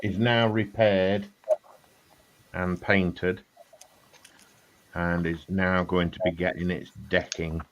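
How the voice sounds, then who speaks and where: A man's voice: sits low, level tone, slow, long pauses, lo-fi sound. A man chatting casually and joking dryly while building a model. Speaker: hobby streamer building models. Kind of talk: casual chat while crafting.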